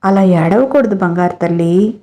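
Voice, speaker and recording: A woman voicing a loving motherly caretaker who gently coaxes and soothes a small child. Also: on the low side, normal speed, close to an everyday voice. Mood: soothing. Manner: tender, coaxing, fond.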